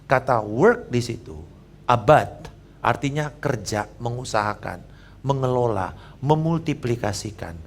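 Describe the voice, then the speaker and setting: A man in his fifties, a pastor preaching a sermon in a lively way and joking with the congregation. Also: medium pitch, unhurried, gravelly, slight background noise.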